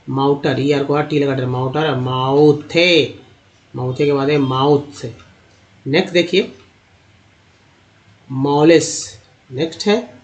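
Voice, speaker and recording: A man with a Hindi accent gives a screen-share phonics lesson in a somewhat high voice. He reads English word lists slowly and draws each word out. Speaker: English teacher.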